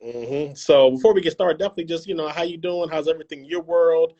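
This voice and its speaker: A man's voice: on the high side, fast, warm tone, dull audio. A man hosting an interview over a video call, casual and joking, full of fillers and repeated phrases. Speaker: host.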